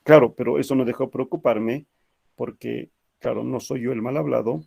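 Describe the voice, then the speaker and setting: A man's voice: mid-range voice, steady tone, moderate pace, gravelly, darkish tone, breathy edge. A man teaching an ethics class, telling anecdotes in a chatty way with frequent tag questions.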